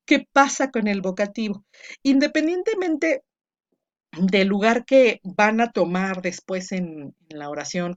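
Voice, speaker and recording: A woman's voice: on the low side, dull audio. A woman giving an online grammar lesson, explaining patiently and calling on students by name. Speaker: teacher. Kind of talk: online lecture on Greek grammar.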